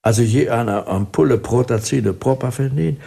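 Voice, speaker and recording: A man's voice: medium pitch, normal speed, gravelly, mellow, a little hiss or hum, natural voice. A man voicing a cold, condescending female doctor in an audiobook reading, scolding and commanding. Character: cold sneering woman doctor, high-voiced.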